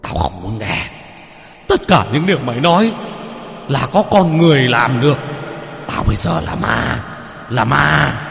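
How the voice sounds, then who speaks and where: A man voicing the vengeful ghost of a young man who is turning into a demon, in a wailing, drawn-out, eerie voice. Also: mid-range voice, sing-song, vocal fry, a bit bright, long reverb tail, soft background music, voice pushed up, exaggerated voice. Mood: menacing.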